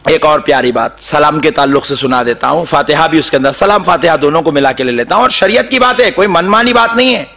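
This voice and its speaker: A male preacher delivers a lively story-driven sermon to a gathered congregation. His voice sits high and rings bright and forceful. He quizzes the crowd, acts out both sides of a dialogue and slips into melodic Quranic chanting. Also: fast talker, few pauses. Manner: animated, asks the crowd questions and acts out dialogue. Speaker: Islamic preacher.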